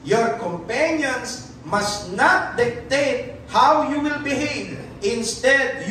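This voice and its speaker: Preaching in a church hall with a Filipino accent, the speaker often turns to his congregation for an amen. The recording is very echoey with him far from the mic, and carries slight hiss or hum; his voice is medium in pitch and fairly bright.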